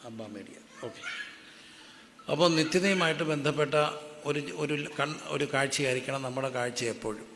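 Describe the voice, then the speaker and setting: Speaking at normal speed with a steady, fairly bright and somewhat high voice, this male pastor delivers a call-and-response sermon. He has his congregation say verses back to him, and the hall sounds echoey with a little ambient noise.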